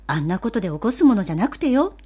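A woman's voice: medium pitch, sing-song, racing, a little mellow, husky. A woman voicing a schoolgirl big sister who talks politely and primly and scolds her little brother. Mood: scolding. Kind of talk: storybook reading.

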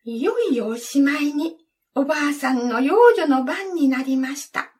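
A woman storyteller reading a fairy tale aloud in a gentle, measured way, recorded from a distance. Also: high-pitched, animated. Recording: distant from the mic.

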